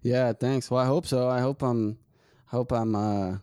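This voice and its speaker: A podcast host speaks in a warm, smooth voice. He gropes for words with frequent pauses and restarts, reflecting as he talks. The sound is close and dry. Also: medium pitch, fairly even intonation, no echo. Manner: halting, reflective, many fillers and restarts. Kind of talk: casual conversation.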